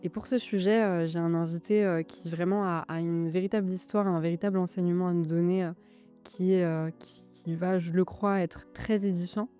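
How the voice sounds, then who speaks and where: A woman hosts a faith podcast, introducing her guest in a gentle, hesitant way with many fillers. Her voice is mellow and mid-pitched. Faint music plays behind her. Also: steady tone, normal speed, clean tone. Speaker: podcast host. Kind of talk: interview hosting.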